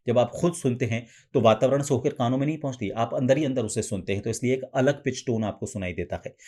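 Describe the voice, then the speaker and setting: A man with an ordinary mid-range voice teaches voice practice in a calm, methodical way. He walks through each day's exercise and sometimes lifts his pitch to model a lighter, softer delivery. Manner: patient, step-by-step explaining, demonstrates lines in a raised feminine pitch. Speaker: voice coach. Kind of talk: instructional explanation.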